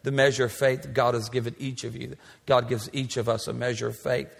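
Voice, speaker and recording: A man's voice: mid-range voice, little pitch movement, fairly quick, vocal fry. A pastor in his forties preaching a sermon in a church, with an emphatic, repetitive cadence. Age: 40s. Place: large church sanctuary. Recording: church hall reverb.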